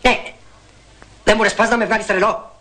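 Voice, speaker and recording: An actor playing a flustered, excitable henpecked husband in an 1980s film comedy, pleading in court and arguing with his wife. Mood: suspicious. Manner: frantic, voice climbing high. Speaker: husband in a divorce case. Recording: echoey hall on an old film soundtrack.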